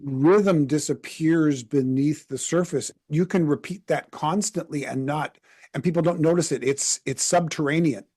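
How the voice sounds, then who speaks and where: A man hosts a podcast interview in a relaxed, conversational way. His voice is dark and mellow. He affirms his guest often and thinks aloud as he goes. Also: fairly high pitch, moderate pace, breathy edge. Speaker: podcast host. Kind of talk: casual interview.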